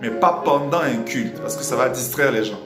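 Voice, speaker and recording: A man from Congo teaching a singing lesson, explaining with lively repetition and breaking into sung examples. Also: mid-range voice, moderate pace, echoey room, loud music behind the voice. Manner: animated, repeats phrases while explaining. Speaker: vocal coach.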